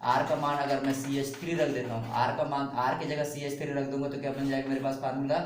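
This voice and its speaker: A man's voice: mid-range voice, flat delivery, quick pace. A male teacher lectures a chemistry class, repeating each point and asking the class questions as he works. He sounds set back from the microphone in a strongly echoing room, with a faint hiss of noise underneath. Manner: repetitive, quizzing the class with questions. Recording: echoey room, distant mic.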